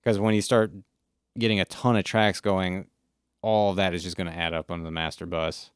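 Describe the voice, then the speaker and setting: A man's voice: deep voice, level tone, normal speed, clear, resonant tone, no room sound. A man streaming from his home studio, chatting casually with his audience, laid-back and rambling, swearing often. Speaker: music streamer. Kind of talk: casual live-stream chat.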